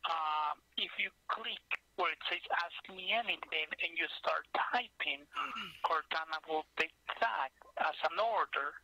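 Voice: medium pitch, unhurried, vocal fry, bright, forceful tone, low-quality recording. A support agent answering a call, speaking politely in formal helpdesk phrasing.

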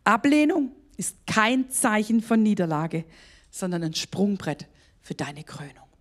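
A woman's voice: medium pitch, big pitch swings, measured pace. A woman pastor with a German accent preaching a sermon, emphatic and exclaiming, laughing at herself at times.

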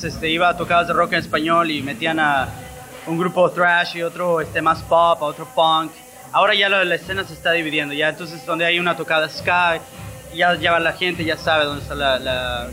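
A man's voice: fairly high pitch, steady tone, moderate pace, sharp tone, poor audio. Casual young Mexican man. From Mexico City. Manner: casual, filler-heavy talk. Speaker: singer. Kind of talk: casual interview answers. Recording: music playing behind.

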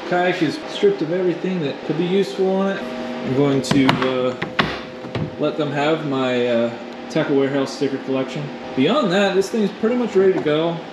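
A man's voice: on the high side, moderate pace. Chatty man in a noisy echoey space. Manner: relaxed, chatty, laughs often. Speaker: fishing channel host. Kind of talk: casual vlog chat. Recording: echoey with loud background noise.

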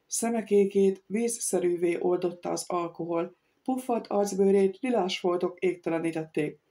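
A woman narrating an audiobook of a novel, reading every character herself and lifting her voice for shrill outbursts. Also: mellow.

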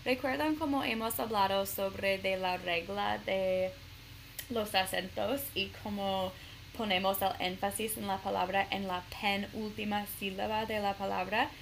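A woman's voice: medium pitch, fairly even intonation, a little slow, vocal fry, slight background noise, rough recording. A woman teacher reading a storybook aloud to her students and stopping to explain grammar carefully, with fillers along the way. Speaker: Spanish teacher.

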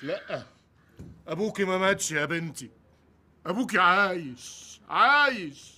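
An actor with an Egyptian accent playing a curt, threatening gangster boss in a comedy series. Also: male voice, high voice, lively intonation, unhurried, bright, forceful tone, full character voice. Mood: menacing. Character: menacing male gangster boss, gruff and commanding.

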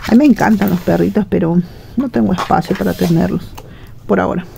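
A woman's voice: on the low side, brisk, gravelly, warm tone, a little hiss or hum. Chatty woman vlogger. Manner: chatty, rambling, frequent restarts. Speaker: shopping vlogger. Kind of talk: casual chat to viewers. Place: home, indoors.

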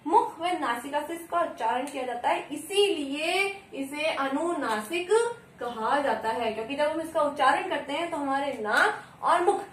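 Teacher, woman, high voice, patient question-and-answer explaining, sounds a bit far from the mic. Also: a bit bright, a little hiss or hum. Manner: explains slowly, asks the class questions and answers them herself; stretches out example words to show how they are said. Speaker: Hindi grammar teacher. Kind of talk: classroom-style video lesson. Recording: echoey room, voice a bit distant from the mic.

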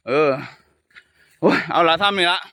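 A man's voice: normal speed, sharp tone, no echo, studio quality. A man who is a Buddhist monk, speaking with a Northeastern Thai Isan accent, chatting and joking playfully while walking outdoors up a hill path. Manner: playful, laughs often, teasing storytelling. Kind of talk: casual joking chat.

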